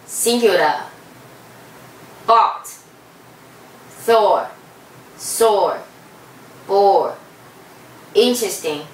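A woman with a Taiwanese accent reads out a list of single words very slowly. Each word stands alone, spoken deliberately. She sounds distant from the microphone in a roomy space. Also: mid-range voice. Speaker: interviewee reading a word list. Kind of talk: reading isolated words one at a time. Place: small room at home, indoors. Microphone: camera a few metres away. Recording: roomy, distant mic with faint noise.

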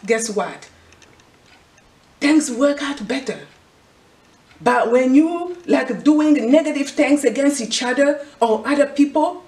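Speaking to camera with a Congolese accent, this middle-aged woman from the Congo delivers an earnest, sermon-like pep talk and keeps coming back to a rhetorical question. She designs clothes and runs a fashion vlog, and her voice is high-pitched. The sound is echoey, picked up by a distant camera in an indoor room with a clothing rack.

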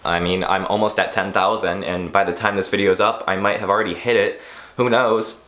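Rambling teen boy with a low voice. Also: fairly even intonation, a little fast, pushed and bright. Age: teens. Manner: rambling, full of "like" fillers, self-mocking. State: losing his voice. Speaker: YouTuber. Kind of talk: casual vlog monologue.

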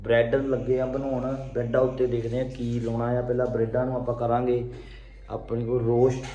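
A man's voice: mid-range voice, completely flat delivery, brisk, warm tone, dull audio. A young man with a Punjabi accent talking casually to his vlog viewers. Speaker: vlog host. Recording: echoey room with faint noise.

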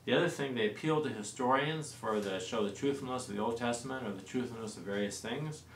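A man in his forties explaining early church history in a studio discussion, relaxed and full of fillers and restarts. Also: mid-range voice, fast talker. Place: small studio set with lamp and plants. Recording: roomy and distant-sounding with faint noise.

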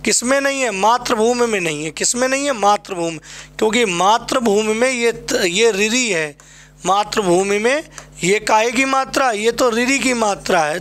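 A man with a Uttar Pradesh accent teaches an exam-prep class at an unhurried pace. He keeps firing questions and answering them himself, repeating each point. His voice sits high for a man. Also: fairly bright tone. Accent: Uttar Pradesh Hindi.

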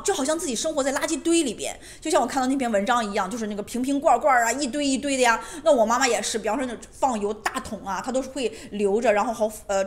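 A woman giving a casual monologue to camera at home, emphatic and repetitive, often asking rhetorical questions. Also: fairly high pitch. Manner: emphatic, repeats phrases, asks rhetorical questions. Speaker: lifestyle vlogger on decluttering. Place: her home.

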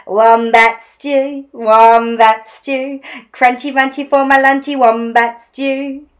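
A woman's voice: sits high, animated, slow pace, pitched above the performer's own voice. A woman voicing a boastful, gleeful male dingo from a storybook, exclaiming in an exuberant, sing-song way.

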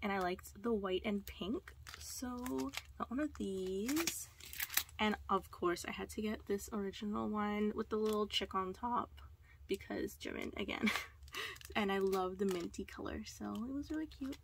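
A woman unboxing her purchases on camera and bubbling over with excitement, her voice jumping up whenever something cute appears. She sits at a middle pitch and chats casually to her viewers. A faint hiss of noise runs under the recording. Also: unhurried, vocal fry. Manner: gushing, excitable, squealing with delight. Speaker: vlogger.

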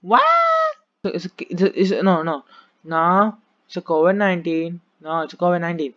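Excitable young man with Tamil accent. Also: a little high, lo-fi sound. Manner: excitable, repeats phrases rapidly. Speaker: gaming YouTuber. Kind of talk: excited gameplay commentary.

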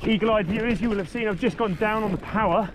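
A man's voice: high voice, fast talker. A man filming himself on a mountain bike outdoors, explaining his bike settings as he rides, and getting out of breath. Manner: talks while riding, explaining bike settings. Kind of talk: casual commentary while riding. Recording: loud wind noise on the mic. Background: loud wind.

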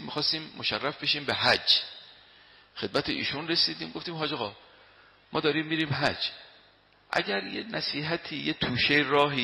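A man's voice: mid-range voice, vocal fry, bright, forceful tone. A man giving a sermon, telling stories emphatically and reciting Arabic quotations, his voice swelling on key phrases. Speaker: religious lecturer. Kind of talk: sermon with storytelling. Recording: long hall reverb.

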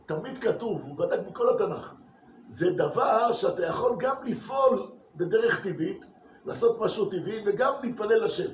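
A man, a rabbi, giving a lively Torah class to his congregation, asking rhetorical questions and repeating words for emphasis. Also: high-pitched, slight background noise. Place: synagogue hall. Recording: echoey room from a distance.

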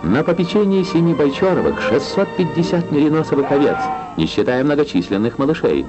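A man's voice: on the high side, sing-song, brisk. A man narrating a scripted Soviet newsreel in a declamatory, solemn announcer's manner. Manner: declamatory, lyrical, solemn phrasing. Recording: dull 1960s film soundtrack, loud music.

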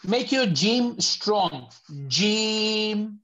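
A man teaching a beginners' lesson online, patiently correcting students and slowly demonstrating each sound. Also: sits high, fairly bright tone. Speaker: Tajweed teacher. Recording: slightly dull lo-fi audio.

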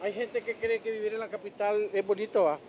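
A man's voice: high-pitched, flat delivery, a little fast, a little mellow, lo-fi sound, slight background noise. A man with a Honduran accent interviewing people outdoors, probing and sympathetic, sometimes lecturing them. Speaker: reporter. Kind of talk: street interview questions. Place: outdoors at a roadside camp. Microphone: handheld mic.

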